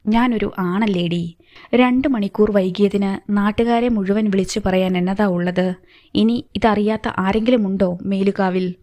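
A woman's voice: medium pitch, steady tone, a little slow, dark tone, close to an everyday voice. A woman reading the lines of an angry, evasive middle-aged husband in an audiobook. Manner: curt, scolding.

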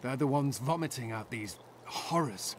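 An actor voicing a grim male survivor of a slaughtered militia in a video game, speaking gravely. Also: mid-range voice, animated, a little slow, a little hiss or hum, lightly acted.

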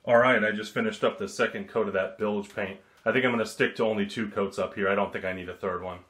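A vlogger who is refitting his sailboat gives a plain, matter-of-fact how-to narration about the work, recorded aboard his boat in a marina. His voice sits on the low side, steady in tone and a bit bright, and he talks fast. The room around him is echoey.

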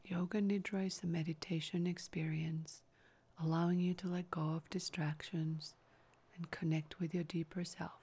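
A yoga nidra guide leads a relaxation meditation in a soft, breathy, near-whispered voice. Her fairly low pitch stays very even across phrases. She delivers each instruction calmly and very slowly, in a soothing, measured way.

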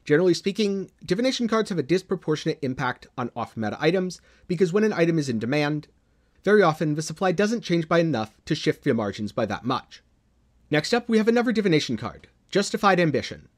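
Lively-voiced man narrating game news. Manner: measured, dramatic drops in pitch at phrase ends. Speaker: gaming video host. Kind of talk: scripted game news commentary.

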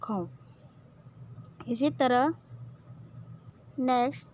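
A woman's voice: high-pitched, drawn-out words, a little mellow, slight background noise. A woman teacher with a Gujarati accent who patiently drills syllables one by one, saying "okay" often. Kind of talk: slow classroom lesson.

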